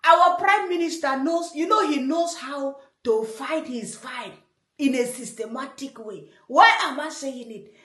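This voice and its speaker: A woman with a Nigerian accent giving animated, teasing reaction commentary and laughing often. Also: high-pitched, measured pace. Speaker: online commentator. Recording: roomy echo.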